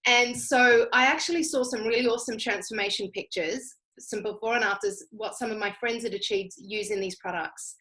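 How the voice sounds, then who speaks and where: This Australian woman's pitch is fairly high and her tone bright and forceful as she tells her own story to listeners as a guest speaker. She talks at normal speed with few pauses in a chatty, emphatic testimonial style, captured on a rough recording.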